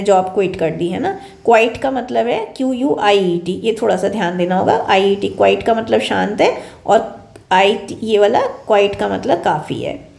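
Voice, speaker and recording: A young woman teacher runs through English words one by one, repeating each meaning and slipping in short example sentences. Her voice has a gravelly edge at mid pitch. The recording sounds echoey, as in a bare room. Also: darkish tone. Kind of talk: recorded online lecture on vocabulary.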